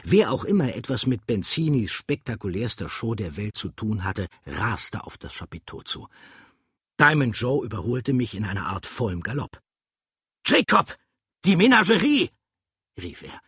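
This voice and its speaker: A man's voice: on the low side, animated, moderate pace, breathy edge, no room sound, studio quality. A man narrating an audiobook with a dramatic, vivid reading style. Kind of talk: scripted narration.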